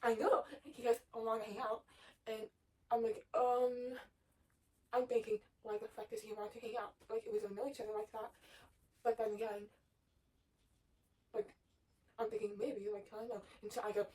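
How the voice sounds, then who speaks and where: A woman's voice: a little high, little pitch movement, normal speed, pauses often, dark tone. A young woman from Texas, a little out of breath, telling a casual story with lots of fillers and swearing. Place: her bedroom. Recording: far from the mic, faint room noise.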